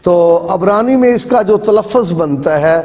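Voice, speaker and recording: Male Bible teacher, high voice, measured lecture delivery. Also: animated, darkish tone. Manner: slow, deliberate explanation of word pronunciations. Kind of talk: religious word-study lecture.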